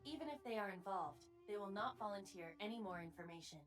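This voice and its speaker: A woman voicing a logical, teasing, stubborn AI partner in a video game, speaking in a crisp, formal way. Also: medium pitch, expressive, fast, far from the mic, music in the background, close to an everyday voice. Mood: logical, composed. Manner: crisp, formal, matter-of-fact. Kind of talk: English video game voice acting.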